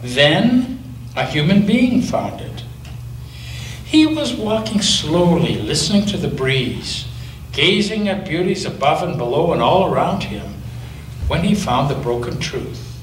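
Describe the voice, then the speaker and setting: Reading to children from a picture book, this male pastor uses a lilting, lively voice pitched on the high side, rising and falling as he goes and pausing slowly for effect. Because he's set back from the microphone, the sanctuary's heavy echo makes him sound far off, and there's a little background noise.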